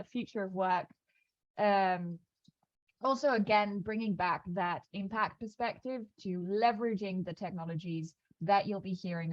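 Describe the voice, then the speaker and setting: Fast-talking woman on a video call. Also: on the low side, no room sound, dull audio. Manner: fast-talking with many fillers and restarts. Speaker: program staff presenting onboarding. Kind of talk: online onboarding call walkthrough.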